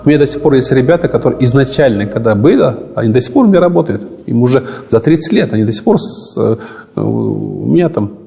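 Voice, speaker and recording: A man's voice: mid-range voice, expressive, fast talker, gravelly, warm tone, in a large hall, faint music behind. A man who founded a theater, speaking in an interview, hesitant and full of fillers.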